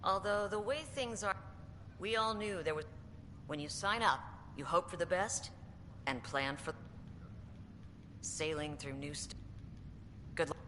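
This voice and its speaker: A woman's voice: fairly low pitch, unhurried, pauses often, in a large hall, noisy background, lightly acted. A woman voicing a seasoned female starship captain with a matter-of-fact manner.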